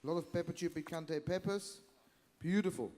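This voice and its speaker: A middle-aged man hosts a live cooking demo, chatty and jovial, ribbing the young chefs. His voice sits a bit high. The sound carries the long reverb of a big convention hall. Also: moderate pace, a little mellow. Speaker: host of cooking demo sessions. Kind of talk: casual live event hosting.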